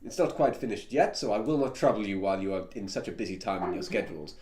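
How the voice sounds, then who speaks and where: A man's voice: lowish voice, lively intonation, quick pace, darkish tone, echoey room. A man in a tabletop role-play session, speaking in a polite, playfully formal way.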